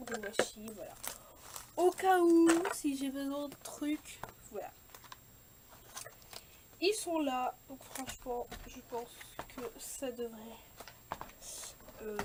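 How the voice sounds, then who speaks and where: A woman's voice: sits high, noisy background. A young woman casually talking through a scrapbooking project, hesitant and full of fillers and restarts. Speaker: scrapbooking vlogger. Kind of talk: casual craft tutorial chat.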